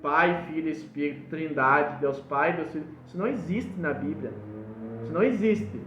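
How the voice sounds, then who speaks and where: A man's voice: a little high, moderate pace, roomy sound, lo-fi sound, music in the background. A male pastor, preaching emphatically and quoting scripture verse by verse. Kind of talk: sermon.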